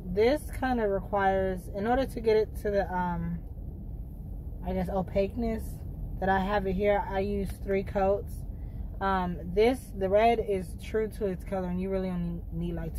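Young female vlogger, raspy smoker-like voice, mid-pitched, rambling casual review style, recorded in a car with faint noise. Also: a little mellow, poor audio. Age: young adult. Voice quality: raspy, hoarse smoker-like rasp. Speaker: vlogger reviewing beauty products. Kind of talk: casual chat to camera. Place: inside a parked car.

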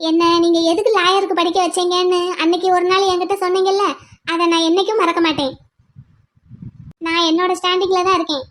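A woman's voice: very high voice, steady tone, fairly quick, a bit bright. Woman voicing a bold young law student in a cartoon. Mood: firm. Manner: firm, arguing point by point. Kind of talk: cartoon voice acting.

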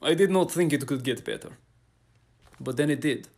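Grumpy russian accent history teacher, gravelly deadpan, comedy skit. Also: male voice, a little high, moderate pace. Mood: deadpan approval. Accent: mock Russian. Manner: blunt, deadpan; switching impression voices. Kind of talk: comedy sketch impression.

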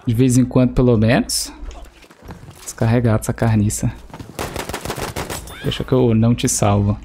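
A man's voice: mid-range voice, fairly even intonation, normal speed, warm tone. A young Brazilian man with a Brazilian Portuguese accent, joking and swearing casually as he streams gameplay and talks to teammates. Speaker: gaming streamer. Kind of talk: casual live gameplay commentary. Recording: faint game noise behind.

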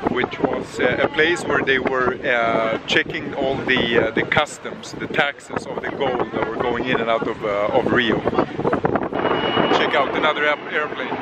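A male travel vlogger and guide offers relaxed, enthusiastic commentary to camera while outdoors on a boat. His voice is mid-pitched and unhurried, but the recording is very noisy, with loud music and boat sounds underneath.

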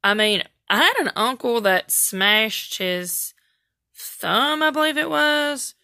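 A woman's voice: fairly high pitch, lively intonation, slow, pushed and bright, dry recording, clean studio sound. A middle-aged mother chatting casually with her daughter at home, playful and teasing as she cheers her on. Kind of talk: casual chat.

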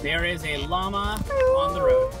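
A man's voice: high-pitched, wildly swooping pitch, moderate pace, loud music behind the voice. A man on a camping trip chatting casually and joking outdoors, recorded on a camera mic. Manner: playful, joking. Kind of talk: casual chat. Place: outdoors at a lakeside campsite. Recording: noisy outdoor camera audio. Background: outdoor ambience, dog.

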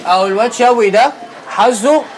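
A man's voice: very high voice, brisk, slight background noise. An actor playing an idle young man from the street who talks in Egyptian Arabic slang. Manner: slangy, casual.

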